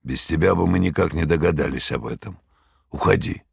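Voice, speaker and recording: Man doing a deep gravelly devil, curt, mocking, dry close sound. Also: brisk, no echo, heavily acted. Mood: sardonic. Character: sardonic commanding devil, male, ancient, cold. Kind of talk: audiobook character voice.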